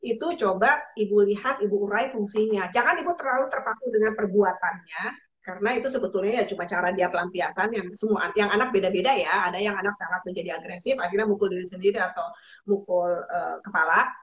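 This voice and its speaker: A woman host talks parents through therapy ideas on a live stream, advising and explaining as she goes, with frequent fillers. Her voice sits at an ordinary middle pitch. The audio is dull and lo-fi, as from a web livestream. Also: quick pace, fairly bright tone, reverberant. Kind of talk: casual Facebook Live chat.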